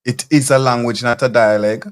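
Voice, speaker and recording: With a mid-range voice, a steady tone and normal speed, a Jamaican talk show host reads out viewers' comments live and answers them bluntly, even combatively. He speaks loosely, frequently repeating and restarting phrases.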